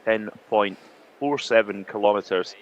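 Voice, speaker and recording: A man's voice: lowish voice, normal speed, highs cut off. A man commentating live on a rally, talking in an easygoing, chatty way with filler words.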